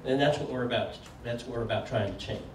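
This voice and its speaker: A man in his sixties gives a relaxed, conversational public talk, joking and trailing off into fillers as he puts questions to the people listening. He is picked up from across an echoey room, with a faint hum of background noise beneath his mid-pitched voice. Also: quick pace, distant mic. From United States. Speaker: speaker. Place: community meeting room.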